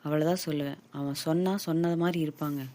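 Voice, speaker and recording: A woman voicing a loyal young male friend who calmly tries to make peace between a couple. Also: sits low, fast, very noisy, natural voice. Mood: coaxing. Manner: coaxing, earnest, keeps saying sister. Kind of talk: Tamil audio drama acting.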